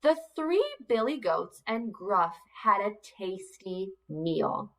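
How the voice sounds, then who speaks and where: A woman's voice: medium pitch, sing-song, takes it slowly, poor audio. A woman teacher reading a picture book aloud to young children, coaxing them with questions.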